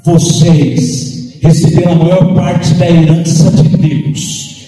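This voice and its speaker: A man voicing Jesus, speaking gravely and emphatically to the religious men. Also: steady tone, slow, soft background music. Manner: grave, emphatic, lower and louder. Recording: echoey hall from far off.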